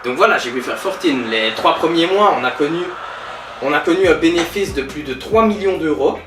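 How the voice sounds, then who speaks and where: This man's voice is fairly high and his pace normal as he lightly acts the part of a boastful, pompous male billionaire entrepreneur in a comedy sketch interview. Self-satisfied and bragging, he spins lively stories. A distant mic captures a roomy sound with faint music.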